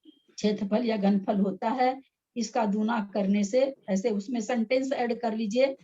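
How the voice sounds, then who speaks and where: A woman's voice: fairly high pitch, fairly even intonation, measured pace, mellow, dull audio. A woman teaching a religious text class, patiently repeating each step so her students can write it down. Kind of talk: explaining text line by line.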